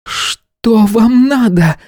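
A fiery, eccentric woman shouts in a shrill, indignant voice, as a man puts her on. Her lines come high and forceful. The sound is dry and close, from an audiobook. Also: very slow, no echo, heavily acted.

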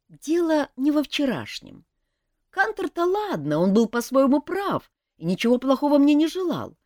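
A woman's voice: high-pitched, a little mellow, no room sound, clean studio sound, voice pushed up. A woman voicing a young male elf prince who talks in an earnest, pleading way.

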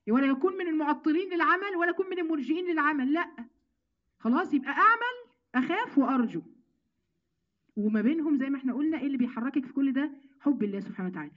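Egyptian woman religious teacher, chatty and lively, lots of questions to the class, kinda muffled lo-fi sound. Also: sits high. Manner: lively, conversational, rhetorical questions. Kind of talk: Quran commentary lesson.

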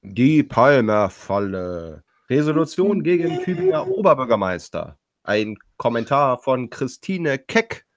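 A man's voice: mid-range voice, huge pitch swings, unhurried, hardly any pauses, no echo, clean studio sound. A man hosting a casual panel podcast, reading out news items and commenting with many hesitations. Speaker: podcast host.

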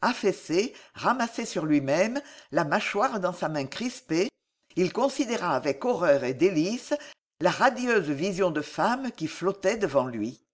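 Slow, expressive woman narrator. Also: lowish voice. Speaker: audiobook narrator.

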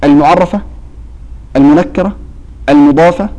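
Egyptian sheikh teaching a recitation class, somewhat high voice, prompts students for missing words, stretches out quoted verses. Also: male voice, dark tone, highs cut off. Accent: Egyptian Arabic. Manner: quizzes students with fill-in-the-blank questions; slow, drawn-out recitation of verses. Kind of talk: classroom lesson.

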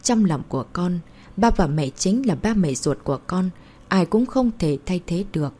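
Lady doing a young mom pleading earnestly, low dark husky voice. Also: animated, normal speed. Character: devoted young mother and daughter, emotional.

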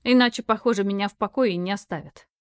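A woman's voice: mid-range voice, fast talker, clear, resonant tone, dry recording, studio quality. Woman narrating a story, wry. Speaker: audiobook narrator. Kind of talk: first-person audiobook narration.

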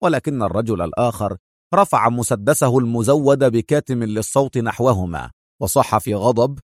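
A male narrator reading an action thriller with vivid storytelling. His voice sits at a medium pitch. The recording is dry and close to the mic. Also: animated, moderate pace, no echo. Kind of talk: dramatic audiobook narration.

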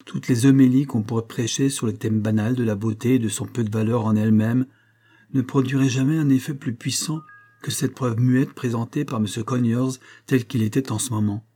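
A man narrating a novel as an audiobook in a measured, even reading manner. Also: medium pitch.

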